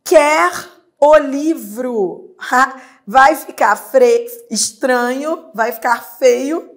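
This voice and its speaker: A woman's voice: on the high side, fairly bright tone. A woman teacher with a Brazilian Portuguese accent, giving a grammar lesson and asking and answering her own questions. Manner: patient, drawn-out explanations, asks and answers her own questions. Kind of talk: exam-prep grammar lesson.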